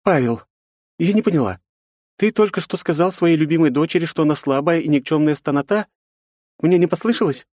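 A sharp-tongued, protective aunt with a raised, biting voice, as a male narrator voices her. She is read from a storybook in a dry, close recording. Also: fairly high pitch, expressive, a little fast, no room sound, pitched above the performer's own voice, natural voice. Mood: scolding. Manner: sharp, scolding, mocking. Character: stern, protective woman, the girl's aunt.

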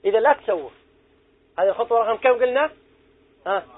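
A man's voice: extremely high pitch, quick pace. A middle-aged man, giving a religious lesson to young people in an earnest, exhorting way and putting questions to his listeners. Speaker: preacher teaching young people. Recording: tinny phone-like recording.

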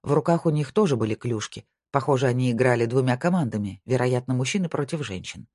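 Male audiobook narrator, steady reading, mid pitch, dry close sound. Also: fast talker, no room sound. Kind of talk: scripted narration.

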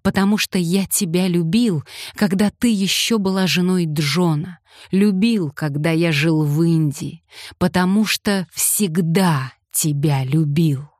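A woman voicing a bitter, mocking young male aristocrat who speaks in hoarse, sarcastic outbursts. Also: on the low side, a little slow, darkish tone, dry recording, studio quality.

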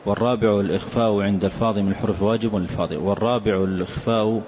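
A man teaching a tajweed lesson, explaining slowly and reciting short words to demonstrate pronunciation. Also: fairly low pitch, steady tone, a little mellow. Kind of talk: classroom lesson on tajweed rules. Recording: dull lo-fi lecture recording with faint hiss.

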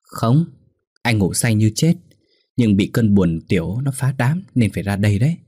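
Calm terse husband, voiced by a man, low voice, husky. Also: moderate pace. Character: calm middle-aged husband.

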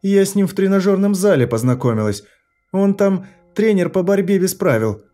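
Man putting on a young woman snapping back, audiobook, pitched up, soft music behind. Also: very animated, moderate pace. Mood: defiant. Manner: sharp, indignant retorts. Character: frightened, angry young woman trapped in a lift.

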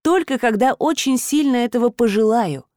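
A woman reading an audiobook, voicing a weary, regretful ancient male god who speaks in a measured, low, tired way. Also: expressive, darkish tone, dry recording, clean studio sound, close to an everyday voice. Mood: confessing.

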